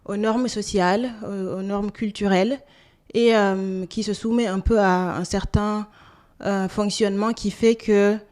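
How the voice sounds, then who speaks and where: A woman's voice: medium pitch, fairly even intonation. Hesitant woman guest. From Senegal. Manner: hesitant, many filler pauses, soft-spoken. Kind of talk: interview answers.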